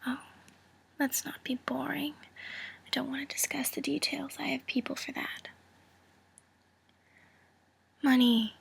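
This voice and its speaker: A woman playing a cool, calculating female mobster in a whispered role-play, breathy, teasing and condescending, delivering a friendly threat. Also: sits high, flat delivery, moderate pace. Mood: amused, flattering.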